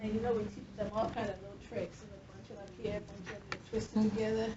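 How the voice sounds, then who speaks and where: A woman in her fifties giving a lively classroom lecture, quizzing her students as a nursing instructor. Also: mid-range voice, quick pace. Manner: animated, questioning the class. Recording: dull lo-fi classroom recording with faint noise.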